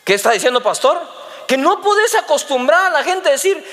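A male pastor preaching a sermon, lively and teasing, acting out little dialogues. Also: very high-pitched, brisk.

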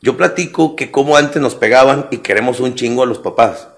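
A man's voice: mid-range voice, brisk. A man in his thirties with a Mexican accent, telling crude, comic stories on a podcast. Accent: Mexican Spanish. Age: 30s. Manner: storytelling, crude slang, acts out quoted voices. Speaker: podcast host. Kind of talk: casual comedic chat.

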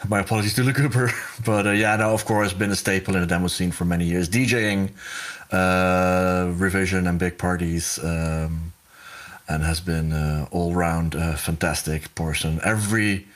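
A chatty man hosting a podcast in a slightly low voice. He rambles along in casual conversation, often restarting his sentences and breaking into laughs. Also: steady tone, moderate pace. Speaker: podcast host. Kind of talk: casual chat.

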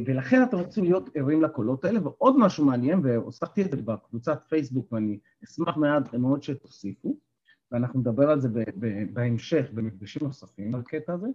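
Guy coaching a workshop group, husky voice, keeps asking questions, dull lo-fi recording. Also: a little high. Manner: animated, asks the group questions. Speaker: NLP coach and therapist. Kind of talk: live workshop talk to a group.

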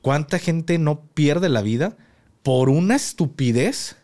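A man's voice: fairly high pitch, animated, takes it slowly, mellow. Mexican guy hosting a podcast, lots of slang, voice jumps around a lot. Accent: Mexican Spanish. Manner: slangy, laughs while telling a grim story. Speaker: podcast host. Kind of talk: casual podcast chat.

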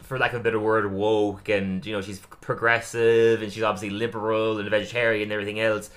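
A young man with a bright, forward tone co-hosts a casual podcast recap. He is animated and laughs often, slipping into the characters' lines as he retells each scene. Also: lowish voice, quick pace. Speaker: podcast co-host.

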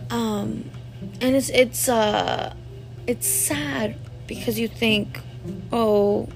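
Faint music plays behind this vlogger, a woman in her thirties with a fairly high, creaky voice who talks extremely slowly in a steady tone. Addressing her viewers head-on, she rambles candidly through a personal story, dropping "like" again and again.

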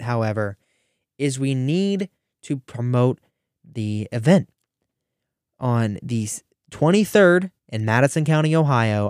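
A man's voice: mid-range voice, no echo. A teenage boy talks alone as host of his own radio show, his voice sitting in the middle of the male range. He rambles, backtracks and stumbles over words, and he is hiccuping. The recording is dry and close with almost no room sound. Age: teens. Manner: rambling, with fillers and restarts. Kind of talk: solo radio talk.

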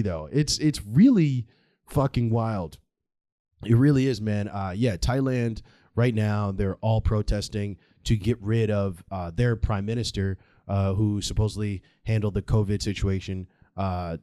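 A podcast host delivers a casual, comedic monologue, rambling, slangy, and heavily sweary. His voice is lowish and warm, recorded cleanly in a studio without echo.

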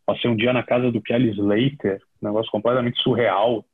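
A middle-aged Brazilian man, a TV sports reporter, chatting relaxed and full of fillers as a podcast guest. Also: mid-range voice, brisk, breathy edge. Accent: Brazilian Portuguese. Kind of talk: casual podcast storytelling. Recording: tinny phone-like line.

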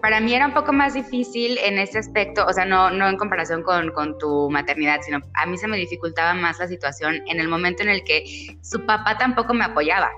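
A woman's voice: fairly low pitch, a little fast, bright, forceful tone, dull audio, soft background music. A woman talking earnestly, retelling conversations to explain her point. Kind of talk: casual chat.

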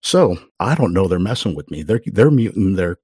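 A middle-aged man with a very low, husky voice tells stories in a relaxed, chatty way. He jumps up in pitch and volume whenever he acts out what others said. The sound is close and dry. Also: normal speed, no room sound. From Oklahoma. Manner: animated storyteller, loudly acts out quoted voices. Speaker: podcast guest. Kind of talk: casual storytelling.

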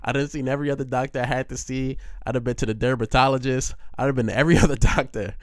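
A man's voice: medium pitch, fairly even intonation, rapid-fire, dry recording, studio quality. A young man talking casually and profanely in a rambling monologue, laughing often as he goes. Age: young adult.

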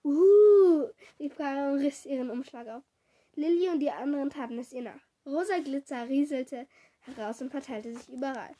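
A woman slowly reading a children's storybook aloud, correcting small slips as she goes. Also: high-pitched, warm tone. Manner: slow, deliberate reading with small self-corrections.

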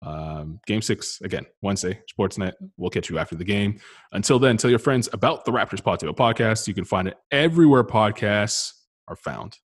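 A man hosting a casual sports podcast, relaxed and prone to repeating words and restarting. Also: fairly low pitch, brisk, breathy edge. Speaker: podcast host.

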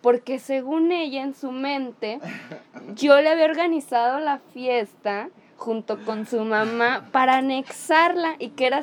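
A woman's voice: high-pitched, a little hiss or hum. A woman with a Mexican accent hosting a casual chat, telling stories animatedly in slang and acting out the quotes. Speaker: podcast host.

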